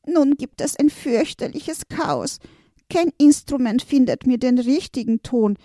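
A man's voice: very high voice, a little slow, dark tone, no echo, clean studio sound, voice pushed up. A woman doing a small panicky note creature. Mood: desperate. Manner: frantic, pleading.

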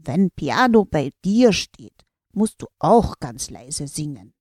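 A woman voicing a cheerful male magician who chants slow rhymes in a loud sing-song. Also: deep voice, sing-song, dry recording, clean studio sound, heavily acted. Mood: explaining.

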